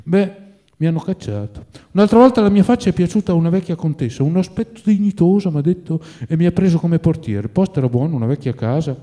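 Fields: Figure: old male servant, poor and fond of drink, voiced by a man. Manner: plaintive, sighing, grumbling, calls on God. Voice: mellow, pitched a bit high. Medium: audiobook. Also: lively intonation, fast, close to an everyday voice.

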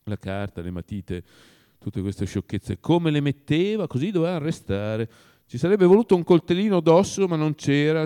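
A man narrating a classic novel as an audiobook, with expressive storytelling. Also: on the high side, creaky.

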